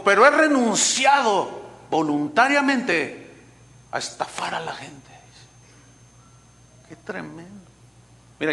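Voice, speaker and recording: A man's voice: high voice, slight background noise. A man with a Mexican accent preaching a sermon as a pastor, telling stories and acting out the voices of the people he quotes. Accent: Mexican Spanish. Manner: animated storytelling, acting out quoted voices, chuckling.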